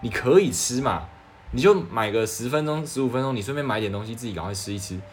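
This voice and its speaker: A man's voice: medium pitch, expressive, fast, soft background music. A man. He is a young doctor giving casual advice, earnest and persuasive, often asking rhetorical questions. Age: 20s.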